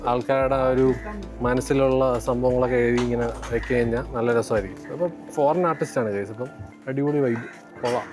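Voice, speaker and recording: A man with a Kerala accent chatting casually as a vlogger, mixing Malayalam and English and addressing his viewers as guys. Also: medium pitch. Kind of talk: casual vlog chat.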